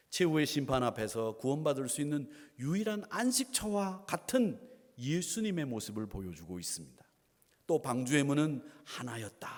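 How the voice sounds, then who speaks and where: A male pastor delivering a Sunday sermon, asking the congregation rhetorical questions and mixing in playful asides. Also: a little high. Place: church sanctuary. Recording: long church hall reverb.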